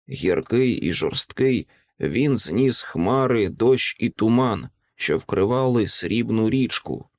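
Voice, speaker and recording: Male audiobook reader, mid-pitched voice, measured storytelling, dry close recording. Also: darkish tone, dry recording. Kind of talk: reading a fantasy novel aloud.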